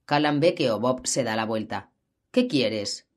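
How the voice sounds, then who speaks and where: A woman's voice: rumbling low, moderate pace. Woman narrating a crime audiobook.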